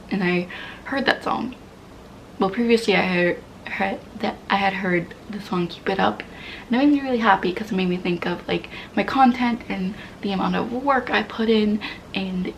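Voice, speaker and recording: A woman's voice: medium pitch, vocal fry, a little hiss or hum, rough recording. A woman in her twenties candidly venting, rambling and swearing casually, often dropping into half-whispers. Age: 20s. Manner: swears casually, laughs at herself. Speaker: vlogger. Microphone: poor-quality mic.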